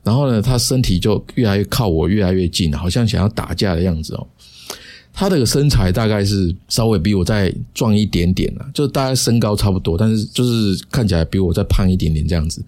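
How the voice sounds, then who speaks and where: A man talks through a personal story on his solo podcast. His voice sits low, and his chatty delivery leans on drawn-out particles between phrases. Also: animated, a little mellow. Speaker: podcast host.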